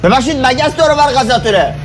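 A man's voice: extremely high pitch, animated, some chatter behind, slight background noise. A man hosting a casual reaction video, playful and teasing, with jokey sudden jumps in his voice. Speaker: YouTuber reacting to TikTok clips.

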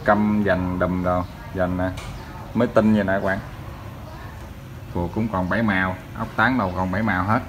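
Southern vietnamese guy doing a salesman pitch, kinda deep voice, chatty w lots of pauses, phone vid with noisy vehicle background. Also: level tone, a bit bright. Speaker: used motorbike shop salesman. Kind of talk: casual sales walkaround vlog. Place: tiled motorbike showroom. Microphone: handheld phone behind camera. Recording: noisy handheld recording with vehicle sounds.

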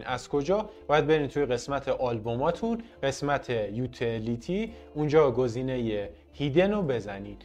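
Male tech vlogger, friendly and playful, casual tutorial read, light music underneath. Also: mid-range voice. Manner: chatty, playful, addresses viewers as friends.

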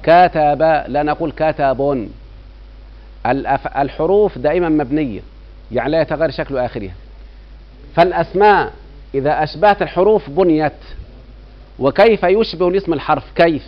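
A man's voice: a little high, expressive, fast talker, long pauses. Egyptian man teaching grammar, quizzing students. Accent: Egyptian Arabic. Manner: keeps quizzing students with rhetorical checks. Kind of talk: classroom lecture. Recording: dull lo-fi recording.

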